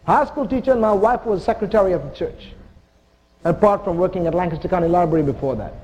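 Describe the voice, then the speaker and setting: A man's voice: high-pitched, fast, darkish tone, rough recording. A man from India, preaching a sermon to a church congregation in an earnest, emphatic way, with joking asides. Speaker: visiting missionary preacher. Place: church sanctuary.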